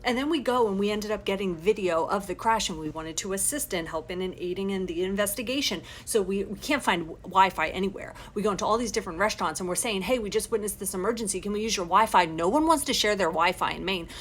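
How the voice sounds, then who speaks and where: A woman's voice: medium pitch, fast talker, hardly any pauses, slight background noise. Young woman vlogger, casual story voiceover, worked up and a bit exasperated, cusses here and there. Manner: animated, exasperated, swearing.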